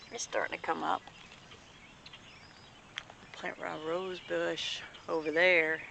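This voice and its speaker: A homesteader vlogger from the American Deep South speaks in a folksy way, her voice heavily creaky, gravelly and low for a woman. She rambles in a plain-spoken, homespun show-and-tell manner out in a rural yard. The recording carries loud background noise and birdsong.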